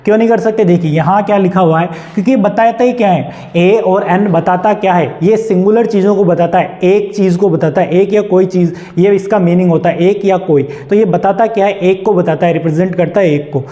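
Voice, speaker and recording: A man's voice: high-pitched, fairly quick, few pauses, dark tone. A young man with a Hindi accent teaching an English grammar lesson. He keeps asking the class questions and then answers them himself. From India.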